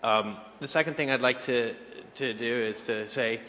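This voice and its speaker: A man in an audience speaking at a microphone, friendly and measured. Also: mid-range voice, bright, forceful tone. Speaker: audience member asking a question. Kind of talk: live Q&A question. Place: large hall at a convention. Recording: large hall with faint noise.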